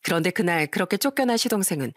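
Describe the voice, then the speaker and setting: A middle-aged woman narrating a scripted audio story in a calm, plain way. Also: on the low side, fast talker, no echo, clean studio sound.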